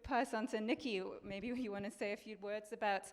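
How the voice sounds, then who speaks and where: A woman conductor introduces the music to a concert audience, hesitant and full of pauses. Her voice is smooth and resonant, with a long reverb trailing behind it in the hall. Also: medium pitch, steady tone. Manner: hesitant, many fillers and restarts. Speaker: conductor and lecturer. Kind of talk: pre-concert lecture.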